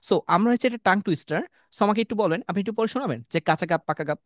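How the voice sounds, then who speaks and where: A man's voice: high-pitched, very fast, no echo, studio quality. A man teaching an online class, coaching students through tongue twisters and calling on them by name. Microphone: computer mic on a video call.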